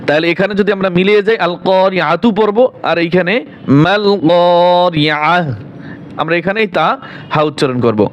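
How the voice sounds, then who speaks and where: A man teaching Quran reading, spelling out syllables one by one and then reciting them in a patient, drawn-out sing-song. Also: sits high, highs cut off. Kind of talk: spelling out and reciting verses slowly.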